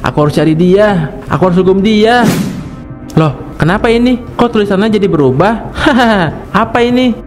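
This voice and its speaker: A man's voice: high-pitched, expressive, normal speed, soft background music. A man voicing a deranged male schoolteacher in a cartoon who rambles, cackles and panics. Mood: terrified. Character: deranged male schoolteacher, scheming then crazed. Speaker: teacher. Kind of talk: cartoon voice acting.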